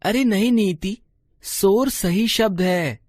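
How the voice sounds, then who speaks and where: A woman voicing a young schoolboy who recites in a slow, sing-song way in a children's textbook dialogue. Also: medium pitch, darkish tone, dry recording, clean studio sound. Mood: correcting.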